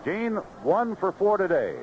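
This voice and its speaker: The voice is male and high, with big pitch swings and a measured pace, calling a baseball game live on radio. Between plays he gets conversational and folksy. It's a dull, noisy 1970s recording made in an outdoor ballpark broadcast booth.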